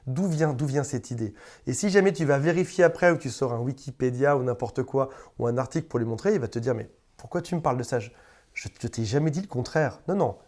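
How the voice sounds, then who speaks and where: A man's voice: fairly high pitch, a little mellow. A man speaking as a relationship coach, giving advice straight to camera in a conversational way, addressing the viewer informally and often repeating words. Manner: conversational, repeats words, briefly acts out quoted exchanges.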